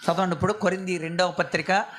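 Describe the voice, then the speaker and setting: A man's voice: steady tone, fast talker, a little hiss or hum. Man preaching with rhetorical questions. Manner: asks the audience rhetorical questions; acts out prayers in a soft low voice. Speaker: pastor. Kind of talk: sermon.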